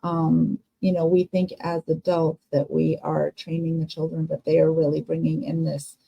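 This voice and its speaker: A woman hosting a livestream, sharing her thoughts with viewers in a casual, unscripted way, halting and tentative as she goes. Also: low-pitched, level tone, creaky, warm tone, husky, dull audio. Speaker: livestream host.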